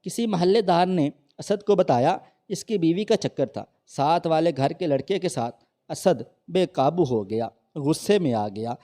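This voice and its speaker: A man's voice: a little high, animated, a little slow, mellow. A man narrating a sad moral story with emotive, mournful delivery.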